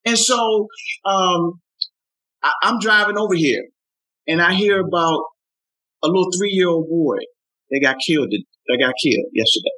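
An older man who mentors youth, talking earnestly in an interview, often repeating himself and rising in pitch when moved. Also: unhurried, long pauses, pushed and bright, rough recording. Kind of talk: heartfelt conversational interview.

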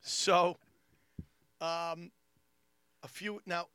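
A man with a thick Long Island accent telling a casual comic story, repeating phrases haltingly and acting out the dialogue. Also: high voice, sharp tone, dry recording. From Long Island, New York. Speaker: comedian.

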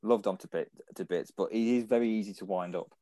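A man's voice: lowish voice, fast talker, dark tone, no room sound. A young man with a British accent, telling rambling stories and laughing often as a podcast co-host in casual chat. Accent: British English.

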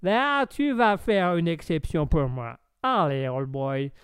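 A man voicing a loud, tipsy American man who keeps pushing champagne and calls people "old boy". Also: a little high, lively intonation, takes it slowly, clear, resonant tone, dry recording, studio quality. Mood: boisterous tipsy. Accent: fake American accent in French. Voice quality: boisterous, says "old boy".

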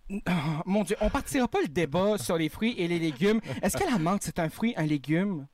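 High-voiced joking radio host. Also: male voice, animated, dry recording. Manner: jokey, halting with many fillers. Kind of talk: casual radio banter.

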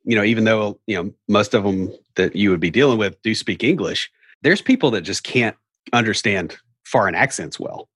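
With a fairly low, husky voice that is expressive and fairly bright, a middle-aged man explains things at a moderate pace. He speaks in an Appalachian hillbilly accent of the Southern US, folksy and wry, drifting into rambling asides. The sound is clean studio audio with no room sound.

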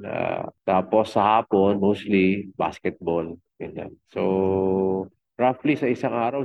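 A middle-aged man speaks as a guest, a fitness coach and father, in an easygoing interview. His voice sits low and comes through a tinny, narrow call line. He meanders, stacking fillers and restarting his sentences. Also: gravelly. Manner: rambling, with many fillers and restarts. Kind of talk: casual interview talk.

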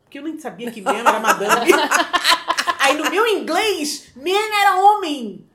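A middle-aged woman from Brazil, a guest telling a story in casual chat, expressive and often laughing as she acts out quotes. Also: high voice, unhurried.

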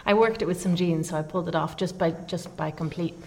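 A woman's voice: fairly low pitch, quick pace, darkish tone. A woman talking candidly and reflectively in a casual chat, laughing easily.

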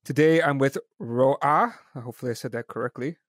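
A man's voice: medium pitch, brisk, no room sound, studio quality. Upbeat joking male podcast host. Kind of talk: casual live-stream interview.

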